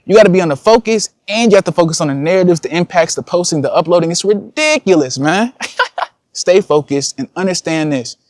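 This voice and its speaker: A man's voice: high voice, animated, brisk, no room sound, clean studio sound. A young man, a content creator, talking casually and slangily to his viewers in a vlog. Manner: casual slangy talk, addresses viewers as y'all.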